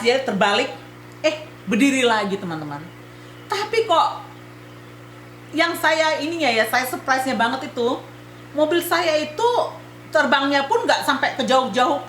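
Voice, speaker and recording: A woman from Indonesia tells her story in an animated, casual vlog, with a high voice and frequent asides to her viewers. The room is echoey, with a faint hum underneath. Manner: animated, retells events while addressing viewers as friends. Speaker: vlogger.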